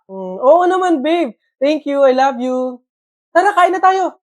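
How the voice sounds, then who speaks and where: Sketch-comedy woman, high and dry. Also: unhurried, no echo. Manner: animated, shifting between whispers and shrieks. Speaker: skit comedian. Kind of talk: comedy skits.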